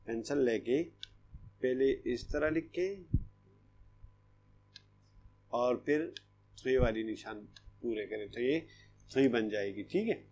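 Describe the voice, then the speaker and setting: A man teaching a primary school Urdu writing lesson in an online class, slow and patient, repeating each step and checking that the children follow. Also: medium pitch, a little mellow, slight background noise. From Pakistan.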